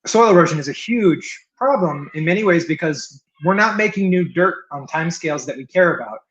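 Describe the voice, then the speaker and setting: Higher-voiced man in an echoey room. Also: lively intonation, fairly quick, a bit bright, muffled recording. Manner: conversational, hesitant restarts. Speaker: podcast host. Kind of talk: casual chat. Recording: roomy echo.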